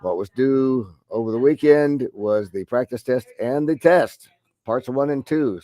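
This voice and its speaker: Teaching math online while fighting a head cold, a middle-aged man rambles, stumbling over fillers and restarting sentences often. His voice is medium-pitched and mellow, though deep and congested from the cold.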